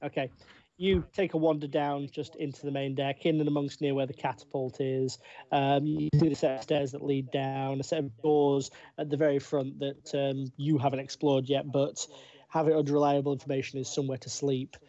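Mellow-voiced man running a tabletop game. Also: mid-range voice, little pitch movement, moderate pace. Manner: loose descriptive narration with fillers. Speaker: game master. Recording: dull lo-fi stream audio.

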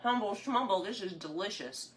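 A woman's voice: medium pitch, animated, moderate pace, slight background noise. A woman, chatting casually on a live cooking stream while eating, enthusiastic and sometimes talking with her mouth full.

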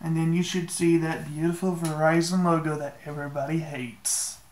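A man's voice: a little high, little pitch movement, moderate pace. Casual man guiding a phone tutorial, echoey room. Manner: laid-back and joking, with mild swearing. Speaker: tech tutorial maker. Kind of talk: casual screen-recorded walkthrough.

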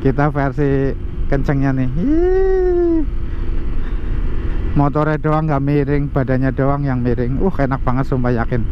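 Riding along quiet residential streets, a man from Central Java, Indonesia talks eagerly to his audience in a relaxed motorcycle review vlog. His pitch sits fairly high. The sound comes from an action camera mounted on the bike, muffled and carrying some light road noise.

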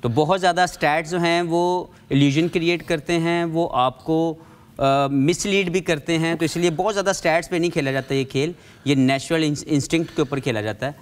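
A man's voice: on the high side, steady tone, normal speed. A man giving cricket analysis on a studio panel, explaining his points earnestly and slipping into English phrases.

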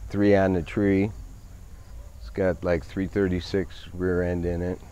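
A man in his fifties, talking casually outdoors at a show field, relaxed and full of fillers. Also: deep voice, measured pace, clear, resonant tone. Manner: easygoing, many fillers, technical car talk. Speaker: van owner. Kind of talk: casual interview.

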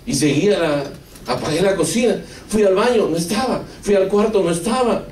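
A man's voice: sits high, fairly quick, darkish tone, a little hiss or hum. A man from Argentina with an Argentine accent, telling an emotional testimony in a sermon and often calling his listeners brother. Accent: Argentine Spanish. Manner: asks rhetorical questions of the audience. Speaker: preacher giving a testimony. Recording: echoey room, mic far off.

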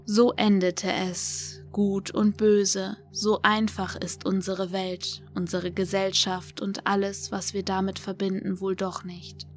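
Woman reading a creepy horror story, monotone, soft music behind. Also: medium pitch, slow pace, hardly any pauses. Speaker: audiobook narrator. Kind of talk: scripted horror narration. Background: faint music.

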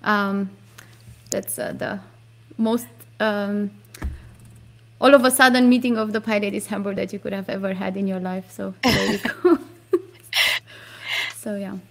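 A woman's voice: mid-range voice, flat delivery, measured pace, creaky, long pauses. A woman hosting a casual live stream over a video call, loose and thinking aloud. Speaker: host.

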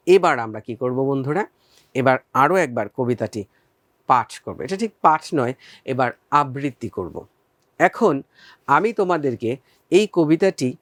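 A man's voice: medium pitch, no echo, clean studio sound. A middle-aged man teaching a poetry lesson. He explains patiently, calls his students friends, and asks rhetorical questions. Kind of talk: classroom lesson on a poem.

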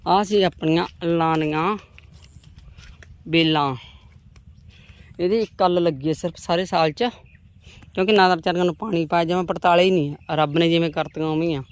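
A woman's voice: lowish voice, fairly even intonation, moderate pace, pauses often. A woman, chatting homely to viewers as she walks outdoors through her farm's vegetable plots. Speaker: vlogger. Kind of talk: casual farm vlog talking to viewers.

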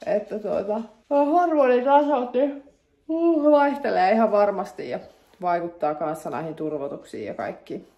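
A woman's voice: lowish voice, gravelly, slightly rough, dry recording, lo-fi sound. Chatty woman in her forties. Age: 40s. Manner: chatty, thinks aloud with many fillers. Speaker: vlogger. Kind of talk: casual vlog chat. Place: rural home and yard. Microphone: phone.

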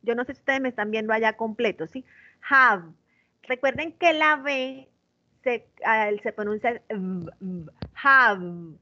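A woman with a Colombian Spanish accent teaches English pronunciation over a video call. She speaks slowly in a bright, slightly high voice. The sound is dry and a little dull. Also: no room sound. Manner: corrects pronunciation patiently, switching between Spanish and English. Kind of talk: online class.

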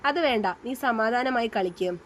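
A woman reading the lines of a calm young man who looks out for the heroine, speaking in a reassuring, steady way. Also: fairly high pitch, unhurried, slight background noise, natural voice.

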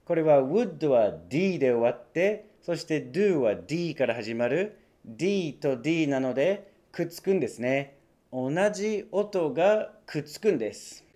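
A man leading an English pronunciation lesson in a slightly raised pitch. He explains clearly and patiently, repeating phrases slowly so learners can follow. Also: darkish tone. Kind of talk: language lesson.

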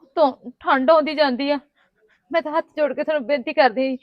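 A woman's voice: high-pitched, steady tone, quick pace, dry recording, muffled recording, natural voice. An actress playing a poor young village woman who pleads for housework, speaking in a plaintive voice. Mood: pleading.

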